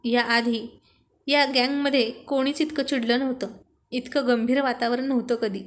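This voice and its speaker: A woman narrating a romantic story aloud in a lively, animated way. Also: a little high, normal speed.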